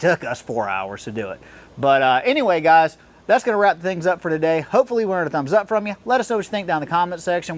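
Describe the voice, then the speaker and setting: A working mechanic and channel host wrapping up a repair video in his shop. His voice sits a little high for a man, and he talks loosely, stumbling over restarts as he earnestly warns viewers off the job. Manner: rambling, restarts often, earnest warnings. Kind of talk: casual wrap-up talk to camera. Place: auto repair shop with a lift.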